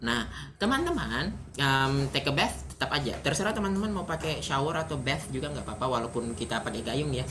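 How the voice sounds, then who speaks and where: A woman's voice: extremely low pitch, animated, a little fast, few pauses, noisy background. A woman teaching English to an online class over a video call, explaining patiently step by step and often checking in with her students.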